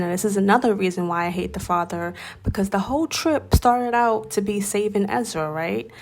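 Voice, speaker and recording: A woman vlogger giving a ranting film recap, animated, exasperated and profane. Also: medium pitch, reverberant.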